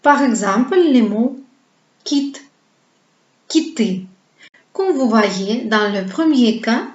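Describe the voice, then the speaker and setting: A woman teaches a language lesson at a deliberately slow pace, explaining patiently and pausing for her students to repeat each word. Her voice sits a little high. The recording sounds roomy and a bit dull, like a modest lo-fi setup. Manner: explains patiently and asks viewers to repeat words. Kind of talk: slow, carefully paced pronunciation lesson.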